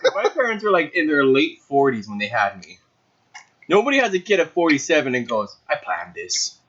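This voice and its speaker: A man's voice: on the high side, sing-song, fairly quick, fairly bright tone. Joking young man on a dull mic. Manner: joking, laughs often, talks with his mouth full. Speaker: podcast co-host. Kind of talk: casual chat.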